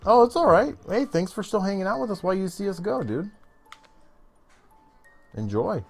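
Chatty male streamer, lively voice. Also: high-pitched, moderate pace, gravelly, soft background music. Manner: chatty, reacts loudly and talks to chat. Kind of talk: live gameplay commentary.

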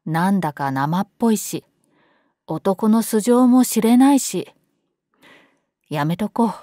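A woman's voice: medium pitch, expressive, slow pace, mellow, no room sound, clean studio sound. Woman reading a wary, sleepy father. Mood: wary, gentle. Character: cautious, sleepy father of a schoolgirl. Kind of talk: acted storytelling.

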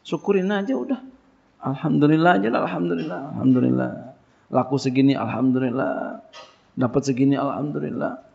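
A man with a mid-range, creaky voice gives a casual religious lecture as a pesantren teacher, speaking briskly with long pauses. He asks his listeners questions and answers them himself in a colloquial, call-and-response way, captured on a dull lo-fi recording.

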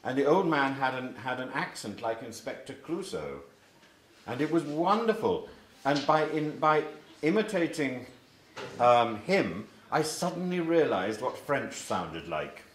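A man's voice: mid-range voice, big pitch swings, a little slow. An older English man teaching a class, rambling through his points with many ums and restarts in an echoey classroom with faint hiss. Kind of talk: informal classroom talk.

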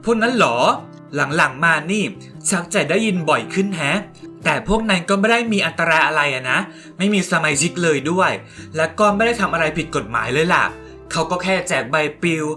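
Woman voicing a cool young woman, blunt, matter-of-fact, lower voice. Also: expressive, a little fast, a bit bright, soft background music. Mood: offhand.

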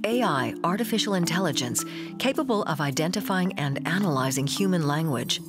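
Female narrator, lowish pitch, scripted documentary delivery, music clearly behind. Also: lively intonation, fairly quick.

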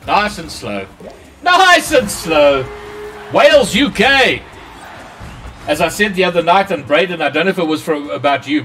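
A man's voice: a little high, fairly bright tone, far from the mic. Man streaming through a voice changer. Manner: chatty, talks to chat viewers between plays, swears when losing. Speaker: gaming streamer. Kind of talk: casual live-stream gameplay commentary.

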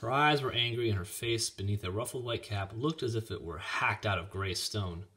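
A man reading a children's chapter book aloud in an expressive, lively manner. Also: fairly low pitch, normal speed. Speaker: reader. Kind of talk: storybook read-aloud.

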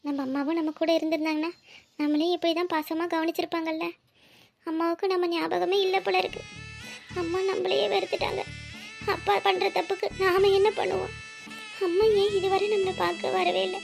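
A woman voicing a sad young girl in a cartoon who longs for her mother, speaking softly and wistfully with a Tirunelveli Tamil accent. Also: very high voice, little pitch movement, brisk, vocal fry, faint music behind. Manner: soft, wistful. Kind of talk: cartoon voice acting.

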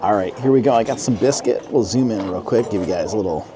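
A man's voice: fairly low pitch, quick pace, a crowd in the background. A man in his forties filming a casual vlog on a handheld phone, chatty and upbeat as he talks to his viewers. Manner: upbeat, chatty, tells the viewers what he sees. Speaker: travel and food vlogger. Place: outside a restaurant at night, then inside a diner. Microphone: handheld phone camera at arm's length.

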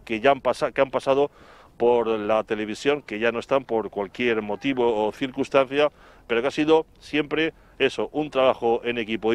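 Standing outside an office building, a middle-aged male television reporter with a Spanish accent gives a live report and spoken recollection in a halting, wordy manner. His medium-pitched voice is smooth and clear, and he speaks into a handheld mic through a face mask.

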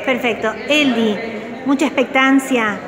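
A woman news reporter with an Argentine Spanish accent, asking brisk interview questions on location. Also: high voice. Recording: echoey hall with crowd chatter.

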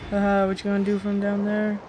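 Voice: medium pitch, monotone, fast talker, music in the background. A gaming host giving casual, jumpy reaction commentary on a horror game, repeating phrases when startled. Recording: clear game noise behind voice.

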